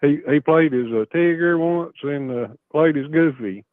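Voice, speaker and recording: A middle-aged man from Kentucky with an Appalachian accent, chatting casually and haltingly as a folksy caller. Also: fairly high pitch, dry recording. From Kentucky, USA. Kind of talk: casual chat. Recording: muffled, band-limited phone call.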